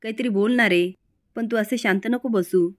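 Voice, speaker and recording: A woman's voice: a little high, normal speed, no echo, studio quality, natural voice. A woman reading a remorseful pleading young man.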